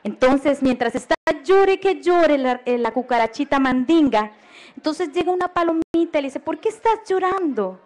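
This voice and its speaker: A Costa Rican woman tells a folk tale to children on a radio program, pausing to ask her listeners questions and get them to join in. Her voice sits high and bright in its register. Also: animated, a faint crowd. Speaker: storyteller. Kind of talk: oral storytelling for children.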